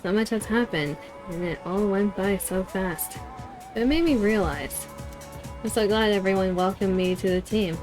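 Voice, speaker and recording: A woman's voice: mid-range voice, moderate pace, music in the background, natural voice. Woman voicing a shy, earnest game girl. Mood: earnest, grateful.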